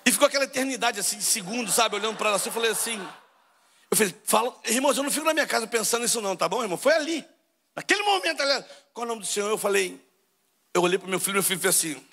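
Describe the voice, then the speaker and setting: Carioca preacher guy, high bright voice, tells a story and plays all the parts, keeps calling the crowd brother. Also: lively intonation, rapid-fire, in a large hall, a little hiss or hum. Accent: Carioca Portuguese. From Brazil. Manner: storytelling, acts out dialogue, addresses crowd as brother. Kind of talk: sermon.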